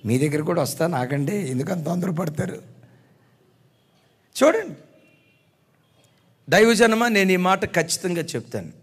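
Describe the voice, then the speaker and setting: A man's voice: high-pitched, expressive, normal speed, pauses often, breathy edge, big-room sound. A man preaching a sermon as pastor, calling on the congregation to respond.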